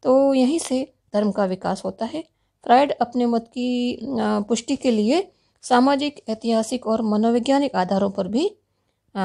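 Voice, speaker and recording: A woman philosophy lecturer giving a recorded university lecture in a steady, explanatory teaching tone. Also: on the high side, creaky.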